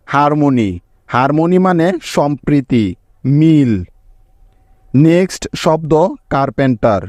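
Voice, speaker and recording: Male teacher, patient lesson voice, spells letter by letter, slightly high pitch, dry close-miked recording. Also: darkish tone, dry recording. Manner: slow, patient, spells out letters one by one and quizzes the viewer.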